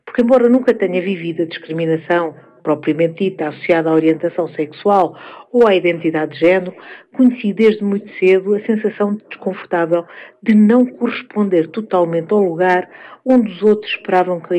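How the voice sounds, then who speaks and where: A woman with a European Portuguese accent, giving a measured, thoughtful spoken essay with frequent pauses. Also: fairly low pitch, mellow, highs cut off.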